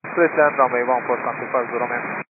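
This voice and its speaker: A male pilot is heard over an aviation radio with plenty of static. He reads back clearances briskly in short, routine phrases at an ordinary pitch. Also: level tone. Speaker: airline pilot. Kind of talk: pilot radio readbacks to air traffic control. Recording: staticky narrowband aviation radio, loud noise.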